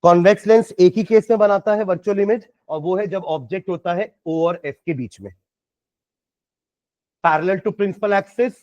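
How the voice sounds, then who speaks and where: Man, Indian accent, science teacher, step-by-step explaining, high voice, dry lo-fi recording. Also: darkish tone, no room sound. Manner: explains step by step, quizzing students. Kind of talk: classroom lecture solving problems.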